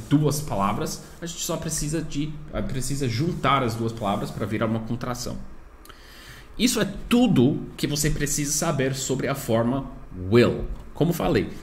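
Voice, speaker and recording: Lively native English-speaking male teacher. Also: mid-range voice, a little hiss or hum. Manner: patient, repeats words and models pronunciation slowly. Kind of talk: explaining grammar to learners.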